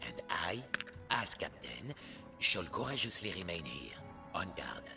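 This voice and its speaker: A man voicing a gruff, pompous old hermit crab, a self-important captain, in a theatrical video game style. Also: deep voice, big pitch swings, a little slow, over music, exaggerated voice. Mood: grand, self-important. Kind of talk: video game character acting.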